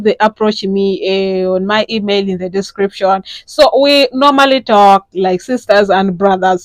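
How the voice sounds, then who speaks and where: A woman's voice: medium pitch, no room sound, low-quality recording. A woman, hosting a casual instructional talk and chatting directly with her viewers. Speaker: host, sex educator.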